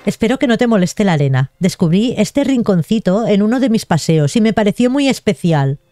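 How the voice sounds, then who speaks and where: A woman's voice: mid-range voice, very animated, a little fast, dark tone, no echo, studio quality, lightly acted. A woman reading aloud the lines of a shy young male villager who loves trees, in a bashful, rambling way. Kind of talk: reading game dialogue aloud.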